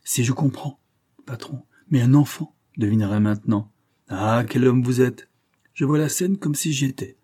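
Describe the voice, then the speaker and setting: A man doing an excitable young police agent. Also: medium pitch, husky, voice pushed up, close to an everyday voice. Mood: excited. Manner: exclamatory, eager, quick to enthusiasm.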